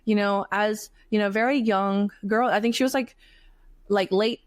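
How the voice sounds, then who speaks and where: A woman's voice: medium pitch, steady tone, normal speed. A woman from North Carolina, a podcast guest, speaking in an earnest, reflective way with frequent fillers like "like" and "you know.". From North Carolina, USA. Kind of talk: casual conversational interview.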